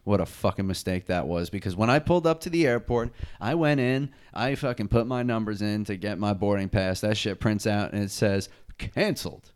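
On a podcast, a male co-host with a lowish, clean voice tells a long story casually, talking a little fast with few pauses. He swears constantly and keeps throwing in "dude" and "bro" as he animatedly spins the tale.

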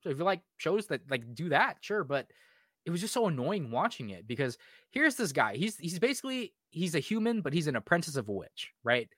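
A man's voice: a little high, big pitch swings, fairly quick, a bit bright, dry recording, clean studio sound. A young man co-hosting a casual podcast, ranting sarcastically and swearing a lot, full of "like" and "um". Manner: frequent fillers like "like" and "um". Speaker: podcast co-host. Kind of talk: casual podcast review chat.

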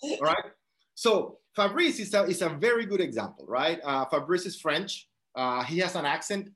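A man's voice: a little high, very animated, moderate pace, fairly bright tone. A man from South Dakota leading a real estate team meeting over a video call, encouraging and checking in with "all right?" often. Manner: encouraging, repeats phrases, frequent "all right?" check-ins.

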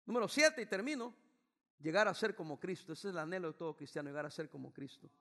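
An older male pastor preaches with a high, gravelly voice. He climbs to loud, fast exclamations, then drops low and quiet to drive a point home. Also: lively intonation. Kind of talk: bilingual sermon.

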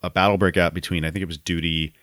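A man's voice: deep voice, steady tone, fast talker, fairly bright tone, no room sound, clean studio sound. A man co-hosting a podcast, telling game stories with enthusiasm and lots of "like.". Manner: enthusiastic storytelling, filler "like" throughout. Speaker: podcast co-host. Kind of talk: casual gaming chat.

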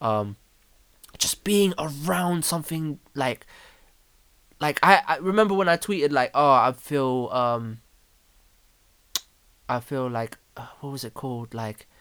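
A man's voice: medium pitch, takes it slowly, pauses often, a bit bright, clear, resonant tone, no echo. A young man, chatting casually and slangily as a podcast host, often repeating phrases for emphasis. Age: young adult. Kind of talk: casual chat.

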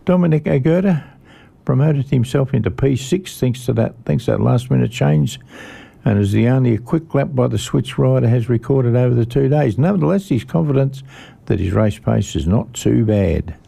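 An Australian man hosting a radio motorsport show, reading out race news in a halting way and repeating the odd word. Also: medium pitch, animated, vocal fry, warm tone, breathy edge. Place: radio studio.

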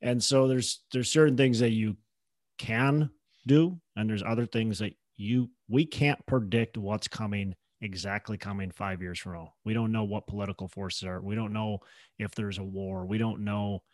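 A low-voiced man hosts a podcast interview. He asks his guest questions and agrees with short remarks. The recording is dry and close. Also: fairly even intonation, moderate pace, no room sound. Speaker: podcast host.

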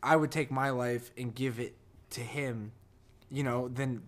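A man's voice: medium pitch, fairly even intonation, measured pace. Twenty-something jersey guy talking around the table at home, blunt, swears a lot. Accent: New Jersey. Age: 20s. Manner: candid, swears freely. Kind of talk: casual chat. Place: table in a shared house.

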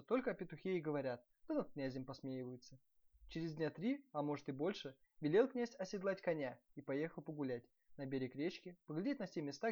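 A man hosting a podcast, reading a bedtime fairy tale in a lively, expressive way. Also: fairly high pitch. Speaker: podcast host and storyteller. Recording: dull lo-fi recording.

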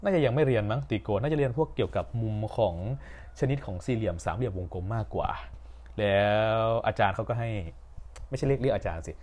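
A man's voice: medium pitch, expressive, fast talker, darkish tone. A young man hosting a podcast, telling a personal story in a casual, rambling way with fillers and self-corrections. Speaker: podcast host.

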